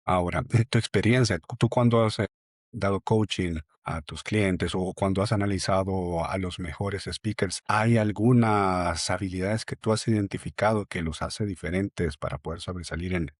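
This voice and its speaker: Guy hosting a sales podcast, low voice, dry close mic, thoughtful questions. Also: moderate pace, dry recording. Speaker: podcast host. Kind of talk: interview questions.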